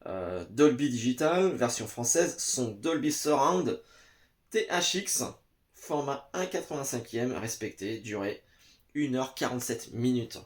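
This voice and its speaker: Slow, hesitant man vlogging. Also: mid-range voice, animated. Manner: hesitant, many "euh" fillers, addresses viewer as "tu". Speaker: vlogger reviewing VHS tapes. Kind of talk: casual chat to camera. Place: home basement. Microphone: camera in front.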